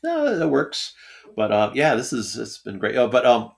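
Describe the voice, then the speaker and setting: A man's voice: mid-range voice, huge pitch swings, normal speed, vocal fry. A man hosting a casual interview, mostly giving short agreeing replies. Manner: brief agreeing backchannels. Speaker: podcast host.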